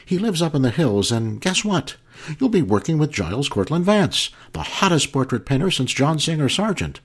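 Man doing a brassy talent agent woman, all honey and gush, husky and way up high. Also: big pitch swings, normal speed, full character voice. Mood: eager. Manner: flirty, gushing, calls everyone honey.

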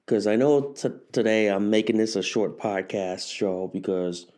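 A man's voice: lowish voice, fairly even intonation, normal speed, darkish tone. A man in his forties hosting a casual solo podcast, rambling and repeating himself as he talks. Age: 40s. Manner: rambling and repetitive, often restarting phrases. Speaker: podcast host.

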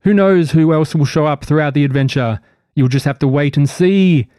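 A man narrating a sci-fi tabletop game as game master, setting scenes in a measured, descriptive way. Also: a little high, a little mellow, clear, resonant tone, no room sound, clean studio sound.

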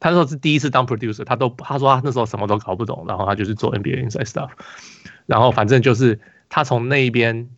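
A man's voice: medium pitch, rapid-fire, a bit bright, no room sound, muffled recording. A man with a Taiwanese Mandarin accent, hosting a casual basketball podcast, telling a rambling story full of restarts and fillers. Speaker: podcast host.

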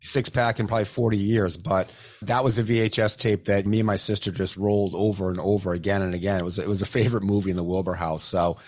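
A man's voice: on the low side, fairly even intonation, fast talker, a little mellow. A man hosting a podcast, asking questions in an enthusiastic, conversational way. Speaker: podcast host. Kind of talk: casual interview.

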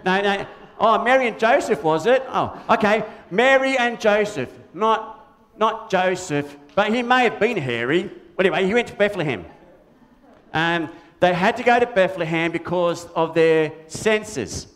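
Big Red, a cheeky Australian-accented puppet crazy about toys, is voiced by a man in a church show for children. His high, animated, fairly bright voice moves at a measured pace. The character is bouncy, silly, quick to get confused, sings, and comes across cheeky and puzzled.

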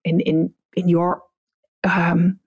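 Her voice is lowish, husky and darkish, level in tone as she takes things slowly. She's a native Dutch speaker from the Netherlands with a Dutch accent, a customer experience coach whose solo podcast gives leaders direct, blunt guidance.

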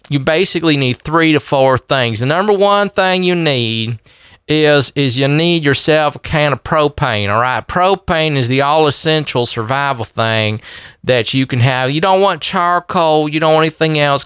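A man's voice: fairly high pitch, fairly bright tone, smooth, dry recording, clean studio sound. A man voicing a folksy Southern cracker with a Southern US accent, giving emphatic, rambling survival tips.

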